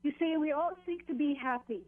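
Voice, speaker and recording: A woman on a phone line explaining meditation as a teacher, deliberately, with pauses and repeated phrases. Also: high voice. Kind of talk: explanatory radio interview, spiritual instruction. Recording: dull, narrow telephone line.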